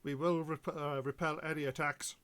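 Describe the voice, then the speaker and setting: A man voicing a gruff, suspicious male dwarf guard who barks demanding questions. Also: fairly high pitch, flat delivery, normal speed, fairly bright tone, close to an everyday voice.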